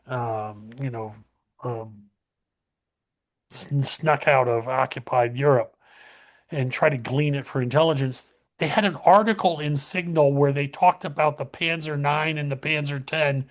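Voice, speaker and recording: A man hosting a casual history talk, rambling with many fillers and self-corrections. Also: mid-range voice.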